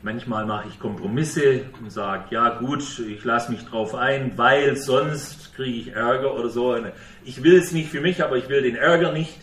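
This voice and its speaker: A man preaching a sermon, slow and emphatic, asking questions and acting out quoted speech. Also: mid-range voice, a bit bright, recorded from a distance. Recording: echoey room, voice from away from the mic.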